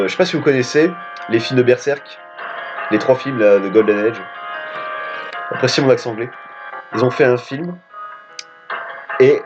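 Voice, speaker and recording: A man hosting a let's play, chatting casually and rambling as he plays, with frequent casual swearing. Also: medium pitch. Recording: dull lo-fi audio with game music. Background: game music.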